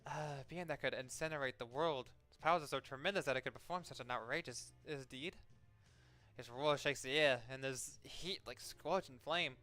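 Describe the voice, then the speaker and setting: A man's voice: medium pitch, moderate pace, bright, forceful tone, soft background music. A sardonic, sweary man giving casual game commentary and reading the game's text aloud. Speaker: let's play host.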